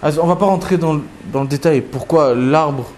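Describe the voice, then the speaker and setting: A man teaching a Talmud story to a small group, his fairly high voice leaping up whenever he acts out a quote. The recording is noisy, with clicks over it. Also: moderate pace. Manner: animated storytelling, acting out quotes with big pitch jumps. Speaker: Torah teacher. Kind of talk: lively Talmud story lesson.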